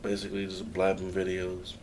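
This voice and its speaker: A man's voice: sits low, completely flat delivery, a little fast, a little mellow, slight background noise. A young man talking to his camera at home in a rambling, downbeat personal vlog, full of restarts and sighs. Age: young adult. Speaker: vlogger. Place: at home, indoors.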